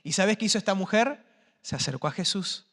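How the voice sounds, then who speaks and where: Male pastor, high voice, impassioned sermon, long church reverb. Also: lively intonation, fairly quick. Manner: impassioned, rising to shouts then dropping to quiet. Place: church sanctuary.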